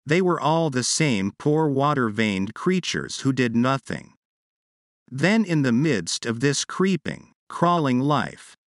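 Brief: male storybook narrator, measured and lively in pitch, dry close mic. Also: no echo. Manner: measured reading that slows on key phrases. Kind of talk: scripted audiobook narration.

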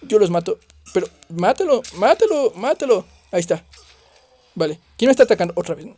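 A man doing excitable let's play commentary on a horror game, exclaiming and swearing at the scares. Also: high-pitched, quick pace, husky, no room sound. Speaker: gaming youtuber.

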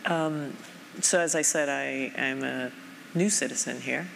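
Gravelly, bass-deep yet a bit bright, the voice belongs to a middle-aged Japanese foundation president in conversation on a large conference stage. She sounds thoughtful and measured, leaning on frequent fillers, with the hall's reverberation and faint noise around her.

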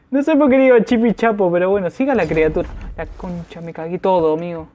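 A man's voice: sits high, brisk, muffled recording. A man with a Rioplatense Argentine accent giving casual let's play commentary, slangy and swearing, yelping when scared. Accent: Rioplatense Argentine Spanish. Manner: slangy, swears, yelps in panic. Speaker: gamer.

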